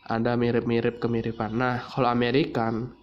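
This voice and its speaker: A man teaching English in a relaxed video lesson, pausing often with fillers and restarting his sentences. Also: medium pitch, lo-fi sound, a little hiss or hum. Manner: hesitant, many fillers and restarts. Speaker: English tutor.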